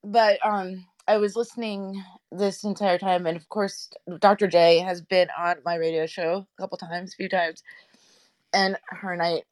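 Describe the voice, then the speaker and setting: A low-voiced woman therapist talks through her phone's speaker. The sound is dry, with no room around it. She rambles loosely, with fillers and self-corrections. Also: level tone, moderate pace, no echo. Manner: rambling, many fillers and restarts. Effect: talking on phone speaker. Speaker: therapist and radio show host. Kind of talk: casual live audio-room panel chat.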